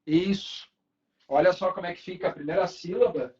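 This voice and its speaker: A man's voice: high voice, fairly even intonation, a little fast, darkish tone. A man, teaching a Portuguese class in a casual way and checking in with students often. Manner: casual, talks to students with frequent tag questions. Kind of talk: online class lecture. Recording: dull lo-fi recording.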